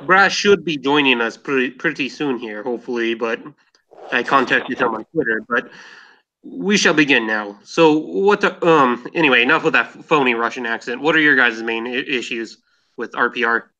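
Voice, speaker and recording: Man hosting a podcast, bright tense voice, halting delivery, dull lo-fi sound. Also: mid-range voice. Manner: hesitant, many ums and restarts. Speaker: podcast host. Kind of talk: casual podcast discussion. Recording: dull lo-fi mic.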